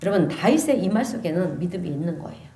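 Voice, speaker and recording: A woman pastor preaching a sermon, animated and calling the congregation to answer amen. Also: on the low side, fast. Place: church sanctuary. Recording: echoey church sanctuary.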